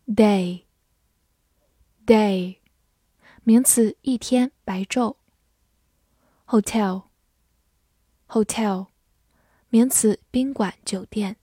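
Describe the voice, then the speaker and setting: Slow, husky woman reading vocabulary. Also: medium pitch, dark tone, dry recording, studio quality. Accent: Mandarin Chinese. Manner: repeats each word slowly, then gives Chinese meanings. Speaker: English vocabulary teacher.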